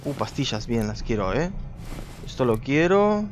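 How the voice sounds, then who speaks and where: A man giving let's play commentary, talking to viewers and shooting up in pitch when startled. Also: unhurried, background noise. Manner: excitable, talks to viewers, jumps high when startled. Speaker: gaming video host.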